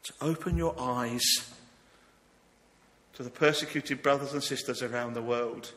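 A man preaching a sermon to a congregation in an earnest, rhetorical way with deliberate phrasing. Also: medium pitch, a bit bright. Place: church, speaking to a congregation. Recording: long echo of a large hall.

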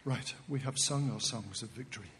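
Man, church notices, pulpit microphone, friendly and halting, faint room hum under a long echo. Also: mid-range voice. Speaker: church member giving notices. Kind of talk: church announcements.

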